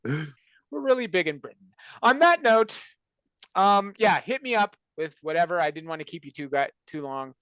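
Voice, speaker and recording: A man's voice: a little high, expressive, normal speed, a bit bright, smooth, no room sound. A man hosting a casual chat on a video call, joking and rambling. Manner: joking, rambling, self-mocking. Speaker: show creator and host of the call.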